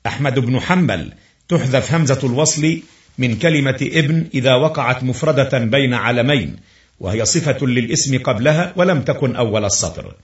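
A man teaching a lesson by reading from a book aloud. He reads slowly and carefully, pausing on fillers. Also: medium pitch. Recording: roomy, dull lo-fi recording.

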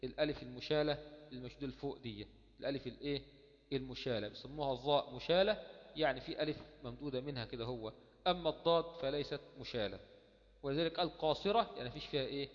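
A man's voice: medium pitch, rapid-fire. A man with an Egyptian Arabic accent teaching Quran recitation in an explanatory lecture, repeating key words and posing himself rhetorical questions. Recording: dull lo-fi sound with long hall reverb.

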